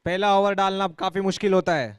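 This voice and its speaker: An Indian man delivers excited live cricket commentary in a very high, clean, resonant voice. He calls the play as a match commentator with an Indian accent. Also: fast, smooth.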